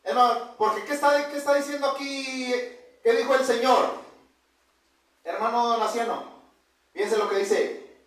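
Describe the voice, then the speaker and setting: A man's voice: very high-pitched, steady tone, measured pace, long pauses, a bit bright. A man preaching a Bible lesson, asking his listeners questions and having them fill in the words. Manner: addresses listeners as brothers and by name. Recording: very echoey room, voice from far off.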